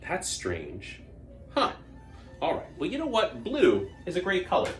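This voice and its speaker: Kids' party magician host: playful, coaxing, highly expressive pitch, interactive patter, roomy echo. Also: normal speed, faint music behind. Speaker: children's magician and show host.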